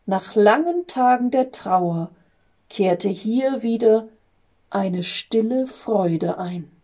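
Sex: woman. Role: storyteller. Style: reading a story aloud. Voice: slow, mellow, calm. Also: fairly high pitch.

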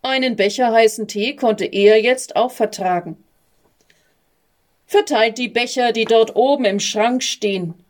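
A woman's voice: on the high side, measured pace, close to an everyday voice. A woman voicing a kindly, bewildered prince who grumbles orders at children in a storybook. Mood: musing.

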